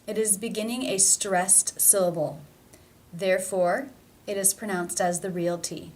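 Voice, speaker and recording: Slow, deliberate woman teaching pronunciation. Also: medium pitch. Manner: slow and deliberate, repeating example words. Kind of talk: scripted pronunciation lesson.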